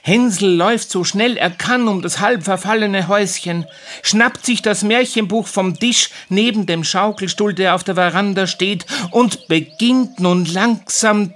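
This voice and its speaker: A man narrating a scripted children's audio play in a dramatic, expressive storytelling manner. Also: high voice, unhurried. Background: music.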